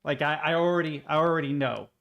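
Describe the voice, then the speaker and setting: A man's voice: fairly high pitch, fairly even intonation, quick pace, gravelly, muffled recording. A man chatting casually on a livestream, thinking aloud with stammers, self-interruptions and some self-deprecating swearing. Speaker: live streamer.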